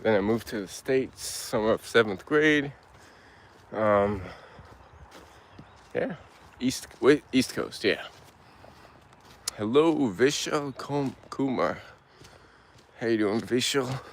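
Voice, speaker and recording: Strolling outdoors among the trees, a young Turkish streamer replies to his viewers' comments in a calm, casual way, his sentences stalling and starting over. The mid-range voice comes with a faint hiss or hum.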